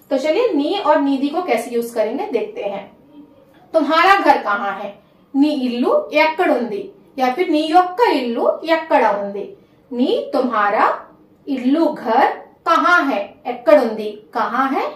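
A woman teaching a spoken language lesson, speaking slowly and repeating each phrase so learners can note it down. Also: high-pitched, reverberant, recorded from a distance.

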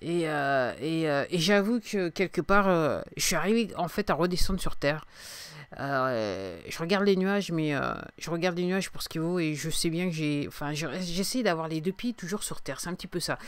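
Hesitant middle-aged woman, smooth dry voice. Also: low-pitched, lively intonation, normal speed, dry recording. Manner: hesitant, many fillers and restarts. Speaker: singer-songwriter hosting her own podcast. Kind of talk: casual spoken podcast monologue.

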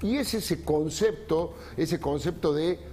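A man's voice: on the high side, slow pace, a little mellow, slight background noise. A man explaining things on a studio panel in an ironic tone. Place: TV news studio.

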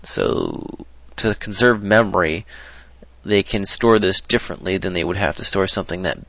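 A man with a low-pitched, slightly bright voice and vocal fry narrates a casual screen-recorded modding tutorial at a normal speed. He rambles and hesitates, full of ums and restarts, speaking into a desktop mic. The sound is a dull, lo-fi, dry recording with no echo.

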